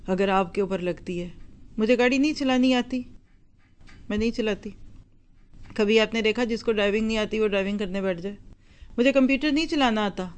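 A woman's voice: medium pitch, clean tone. A woman giving an earnest religious lecture on parenting, full of rhetorical questions and repeated parallel phrases. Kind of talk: Islamic lecture to an audience.

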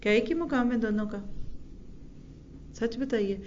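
A woman gives a religious lesson and keeps putting rhetorical questions to her listeners. She slows down to recite Arabic verses with care. The recording sounds a little dull and lo-fi. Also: fairly high pitch, darkish tone, slight background noise. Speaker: Quran teacher.

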